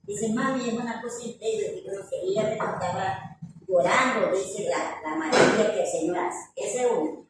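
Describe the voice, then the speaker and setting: A woman's voice: mid-range voice, lively intonation, moderate pace. A woman sharing a personal testimony with her church group, rambling through the story with filler asides and tag questions. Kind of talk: telling a personal anecdote. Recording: echoey room, voice from far off, background noise.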